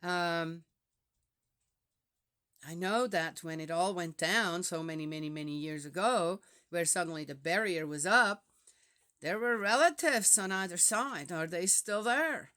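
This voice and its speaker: A woman's voice: on the low side, a little slow, sharp tone. A woman from Switzerland with a Swiss German accent, talking in a reflective, casual way with many fillers and restarts.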